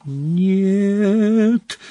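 A man voicing a desperate teenage boy wizard who pleads and shouts frantically. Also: fairly high pitch, very animated, takes it slowly, slightly rough, no echo, dull audio, pitched above the performer's own voice, exaggerated voice.

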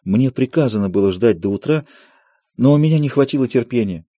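A man voicing a shabby, gentle young eternal student, speaking earnestly, in an audiobook of a play. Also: mid-range voice, animated, brisk, dry recording, lightly acted.

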